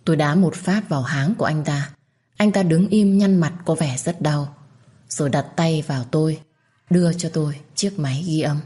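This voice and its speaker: A woman narrating a first-person romance story in a calm, reflective manner. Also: low voice, moderate pace.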